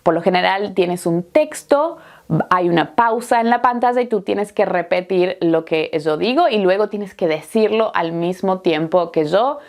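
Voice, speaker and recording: An Argentine woman with an Argentine Spanish accent teaches a language lesson in a friendly, encouraging way. Her voice sits at an ordinary middle pitch, and she talks in a chatty, relaxed style. She often pauses on small fillers as she explains. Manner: chatty, encouraging, laughs easily, many "eh" fillers.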